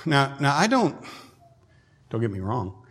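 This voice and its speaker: A man preaching a sermon in a conversational way who often clears his throat, in a church hall. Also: mid-range voice, sing-song, slow, fairly bright tone. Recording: long hall reverb.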